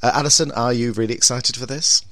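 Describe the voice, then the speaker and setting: A man's voice: mid-range voice, steady tone, quick pace, a bit bright, dry recording. A man with a campy, theatrical drag queen manner, gushing and full of endearments as he co-hosts a podcast. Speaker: podcast co-host and drag queen horror presenter. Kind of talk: podcast banter and show introduction.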